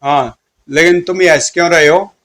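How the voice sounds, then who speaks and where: A man's voice: fairly high pitch, fairly even intonation, moderate pace, fairly bright tone, lightly acted. A man voicing an irritable middle-aged police inspector who scolds a junior. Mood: gruff.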